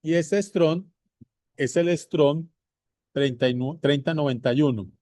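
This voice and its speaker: Male Bible teacher, unhurried and repetitive, dark mellow tone, dry close sound. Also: fairly high pitch, no echo. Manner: repeats points slowly, addresses viewers directly. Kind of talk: slow deliberate bible teaching.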